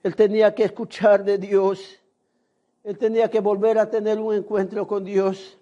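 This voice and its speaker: A male pastor preaching a sermon in a slow, emphatic manner that sometimes rises to a shout. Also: high voice, level tone. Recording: dull lo-fi recording.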